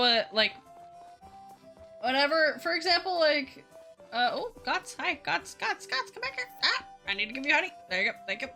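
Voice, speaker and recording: A young woman chatting casually while she streams a game, reading chat messages aloud and swearing without fuss. Her voice sits high and sounds hoarse and worn from talking. Soft music plays faintly behind her.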